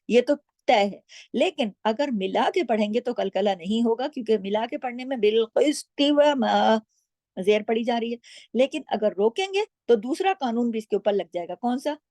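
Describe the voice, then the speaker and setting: A woman teaching tajweed, patiently explaining the rules and slowly drawing out the words she recites, asking her own questions and answering them. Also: on the high side, dark tone, no room sound.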